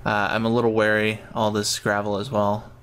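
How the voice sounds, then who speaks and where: A man's voice: on the low side, monotone, moderate pace, a bit bright, clear, resonant tone. A man giving casual gameplay commentary, thinking aloud in a rambling way. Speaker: gamer narrating his own play.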